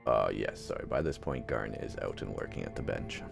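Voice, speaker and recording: A man's voice: a bass voice, animated, a little fast, creaky. A man running a tabletop game as game master, laid-back and hesitant, often laughing. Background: music.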